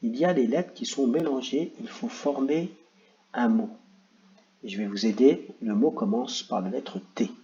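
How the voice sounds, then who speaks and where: A man's voice: medium pitch, measured pace, mellow, highs cut off. Patient man explaining a worksheet. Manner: patient, encouraging, addresses children directly. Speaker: primary school teacher. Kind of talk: explaining worksheet exercises to children.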